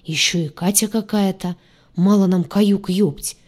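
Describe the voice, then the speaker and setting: A woman's voice: mid-range voice, fairly even intonation, unhurried, a little mellow, breathy edge. A woman voicing a grumbling, exasperated male demon crewman in an audiobook.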